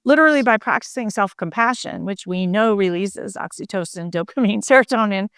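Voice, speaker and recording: A woman's voice: medium pitch, animated, fairly quick, fairly bright tone, clear, resonant tone, dry recording, clean studio sound. A woman physician and mindfulness coach, a podcast guest, explaining her ideas in a reflective, conversational way with many fillers. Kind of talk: conversational interview.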